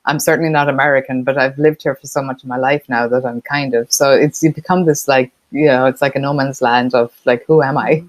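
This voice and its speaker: Her bass voice runs a little fast with fairly even intonation and no echo. She's a middle-aged woman from Ireland whose Irish accent has some Boston in it, chatting easily and with many fillers as a partnerships-expert guest in a casual interview.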